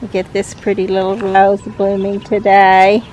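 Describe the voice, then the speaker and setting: A woman's voice: mid-range voice, monotone, a little slow, darkish tone, dull audio. A woman chatting casually and cheerfully as she gives a garden tour outdoors. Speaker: gardening vlogger. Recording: clear outdoor background noise. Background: outdoor ambience.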